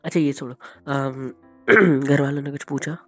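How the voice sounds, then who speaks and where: A man's voice: medium pitch, steady tone, unhurried. A man playing a husband in a scripted romantic call, coaxing and soothing one moment, stern and scolding the next. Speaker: roleplaying husband. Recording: dull lo-fi audio with soft music.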